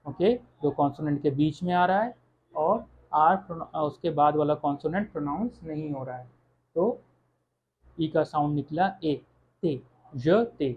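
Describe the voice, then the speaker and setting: A French teacher giving an online lesson, speaking slowly and checking in with "okay" after each point. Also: medium pitch, muffled recording, slight background noise. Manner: slow, repeats words, says "okay" often.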